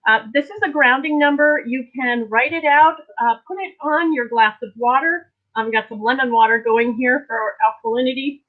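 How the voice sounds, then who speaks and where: A woman's voice: sits high, normal speed, few pauses. A middle-aged woman hosting a casual live-streamed energy healing session in a rambling, scattered, informal way, heard through tinny phone-like audio. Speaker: host, energy healer.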